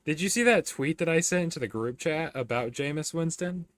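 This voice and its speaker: A man's voice: a little high, a little fast, dry recording. Dry-sounding casual male podcast host. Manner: runs through picks with many fillers and restarts. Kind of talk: casual sports chat.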